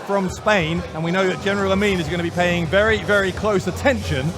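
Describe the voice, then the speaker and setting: A man's voice: high voice, fast. A man commentating on a wrestling show, upbeat and promotional. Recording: music bed behind.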